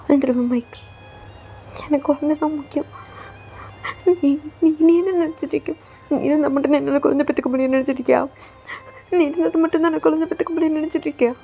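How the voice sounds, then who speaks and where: A woman's voice: sits high, fairly even intonation, fast talker, long pauses, warm tone, faint music behind. A woman voicing a young man who pleads tearfully and insistently with his lover for a child, in a fan audio drama. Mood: defiant.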